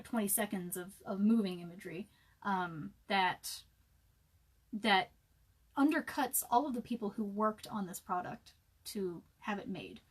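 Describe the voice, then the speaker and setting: A woman in her thirties, an author chatting casually on a live stream, rambling and self-mocking with lots of fillers. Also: medium pitch.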